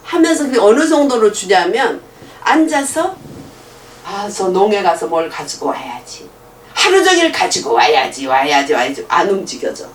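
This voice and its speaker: In an echoey room, recorded from some distance with slight background noise, a middle-aged woman preaches at a moderate pace in a mid-range voice. Her sermon is full of stories. She plays out dialogue in different voices and laughs often, staying animated throughout.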